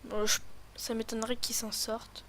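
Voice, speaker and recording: A woman's voice: on the high side, little pitch movement, normal speed, fairly bright tone, slight background noise. A woman with a lisp on her s sounds, rambling and thinking aloud in casual commentary as she hosts a gaming video.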